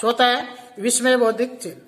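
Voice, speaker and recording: A woman teacher giving a grammar lesson to young schoolchildren, explaining slowly and repeating each point. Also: fairly high pitch, steady tone. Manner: explains slowly, repeats words and reads out example sentences.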